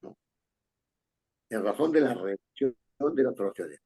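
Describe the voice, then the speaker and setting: Male writing teacher, husky and mellow, patient step-by-step explainer. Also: on the low side, lively intonation, unhurried. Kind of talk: online class lecture.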